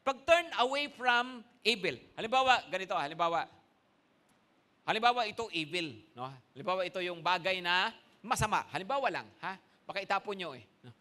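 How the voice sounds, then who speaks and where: A man's voice: high voice, fairly quick. A man preaching a sermon as pastor, joking with the congregation and getting them to answer back aloud. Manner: lively call-and-response preaching, mixing Tagalog and English; jokey and conversational.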